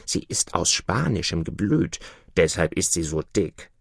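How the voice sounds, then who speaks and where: Guy reading as a mother duck, gravelly, swings all over the place, dry sound. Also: low-pitched, big pitch swings, measured pace, no room sound, voice pushed down, full character voice. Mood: coaxing. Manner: earnest, coaxing, motherly. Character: proud, caring mother duck. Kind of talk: storybook reading.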